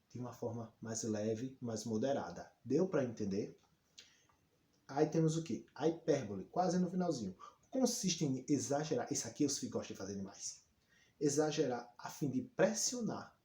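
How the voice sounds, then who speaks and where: A man teaching a lesson, asking rhetorical questions and answering them himself, sometimes acting out example lines in a higher voice. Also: warm tone, echoey room. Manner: asks and answers his own questions, lots of rhetorical questions. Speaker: Portuguese teacher. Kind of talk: lively explanatory lesson.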